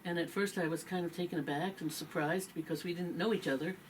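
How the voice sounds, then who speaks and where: A woman's voice: fairly low pitch, fast, a little hiss or hum, rough recording. A middle-aged woman from Massachusetts, a musician telling her story as a radio guest in a loose, filler-heavy way. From Massachusetts, USA. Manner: relaxed storytelling with many fillers. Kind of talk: radio interview.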